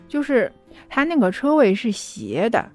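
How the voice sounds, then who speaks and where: A young adult woman casually telling a personal story in a chatty, lively way. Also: a little high, measured pace, faint music behind. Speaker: vlogger.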